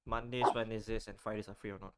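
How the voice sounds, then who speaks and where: A man's voice: fairly low pitch, flat delivery, fast, crowd noise. A man playing a tabletop game and chatting casually with his group. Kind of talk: casual chat.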